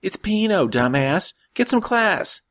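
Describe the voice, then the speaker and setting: A man's voice: sits high, very animated, slow, a bit bright, pitched above the performer's own voice, exaggerated voice. A man voicing a sarcastic, mocking young woman.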